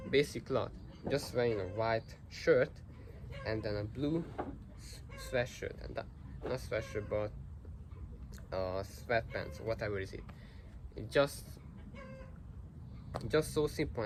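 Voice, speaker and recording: A teenage boy whose first language is Hungarian talks earnestly to camera in a rambling, self-reflective vlog, full of fillers and restarts. His voice is medium-pitched, and with no proper microphone, it's captured on a noisy built-in device mic.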